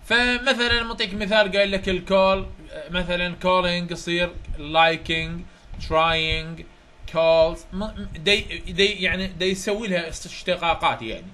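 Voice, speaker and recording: Iraqi-accented male tutor, high, bright and sharp tone, reviews grammar through examples, quizzes his class often. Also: normal speed. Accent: Iraqi Arabic. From Iraq. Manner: explains through examples, often checks if students follow. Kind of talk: chapter review lecture.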